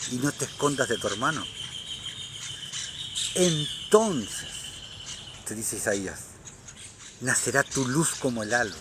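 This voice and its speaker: A man reading scripture and preaching on it, fervent and rising to loud, emphatic declarations. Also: mid-range voice, noisy background. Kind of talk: Bible reading and sermon commentary.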